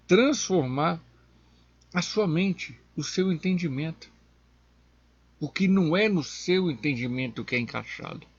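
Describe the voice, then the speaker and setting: A man teaching from the Bible as a deacon, speaking slowly and emphatically and pushing his voice up on key words. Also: a little high, husky, dry recording, muffled recording. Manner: slow, emphatic, rising sharply on key words.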